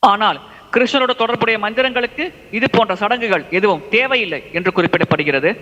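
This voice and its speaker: A man translating a lecture sentence by sentence, in a fluent, steady delivery. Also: high voice, fast, lo-fi sound. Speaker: interpreter. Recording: reverberant hall.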